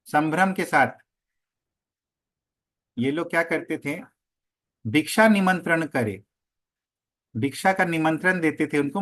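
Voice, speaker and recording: A man teaching a scripture class, slowly chanting verses and then explaining them line by line. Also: fairly high pitch, fairly bright tone.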